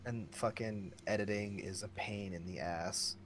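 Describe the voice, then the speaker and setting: A man's voice: on the low side, fairly even intonation, measured pace, a little hiss or hum. A man, a guest streamer, talking casually on a podcast, swearing often and laughing a lot.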